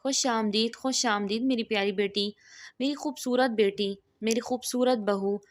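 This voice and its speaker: A woman's voice: fairly high pitch, steady tone, no room sound, studio quality, lightly acted. A woman reading the lines of an affectionate older matriarch welcoming a daughter-in-law in a storybook, doting. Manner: warm-hearted, doting.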